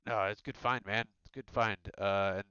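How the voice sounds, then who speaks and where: A man runs a tabletop game, narrating in a smooth, resonant, low voice with loose, rambling fillers. The mic is dry and close but dull and lo-fi. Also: fairly even intonation, brisk, sharp tone, dry recording. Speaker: game master.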